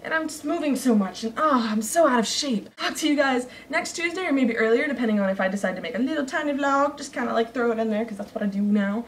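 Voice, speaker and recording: A young woman gushing excitedly to camera in a survey vlog, heard a little away from the mic. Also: fairly high pitch, quick pace, few pauses, far from the mic, a little hiss or hum. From United States. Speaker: YouTuber.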